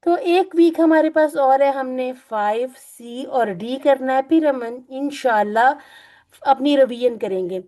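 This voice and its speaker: A woman's voice: high voice, unhurried. Woman teaching an online class. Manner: gentle, repetitive teaching with religious phrases. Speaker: Quran and Arabic teacher. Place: online video call.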